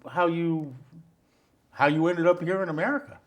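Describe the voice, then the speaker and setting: A man's voice: fairly high pitch, fairly even intonation, moderate pace. A man hosting an interview, telling a chatty story and asking friendly questions with fillers. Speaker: talk show host. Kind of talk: casual interview.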